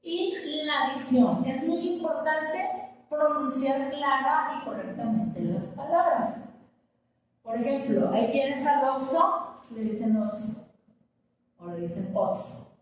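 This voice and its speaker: High-voiced woman teacher in an echoey classroom. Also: takes it slowly, slight background noise. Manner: explains patiently with everyday examples and questions to students. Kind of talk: classroom lecture. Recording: echoey classroom from a distant mic with faint ambience.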